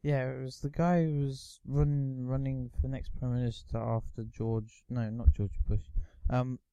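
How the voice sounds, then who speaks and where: A man's voice: mid-range voice, little pitch movement, unhurried, warm tone, smooth, highs cut off. A man co-hosting a casual podcast, rambling, swearing and slipping into mock-announcer asides. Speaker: podcast co-host. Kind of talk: casual banter with a friend.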